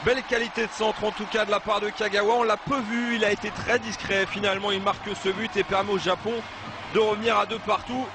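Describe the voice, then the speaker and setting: A man giving live football match commentary, with excited exclamations when play heats up. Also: sits high, fast. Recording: noisy live match broadcast.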